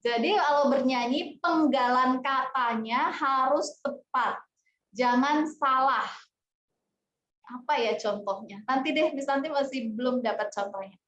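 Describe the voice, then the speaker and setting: A woman teaching a music class talks her students through each point in an unhurried, conversational way. Her voice sits high and she takes her time. The recording is roomy and a little muffled. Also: a bit bright. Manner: chatty, explanatory, addresses students directly. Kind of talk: casual classroom explanation. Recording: echoey room, dull lo-fi sound.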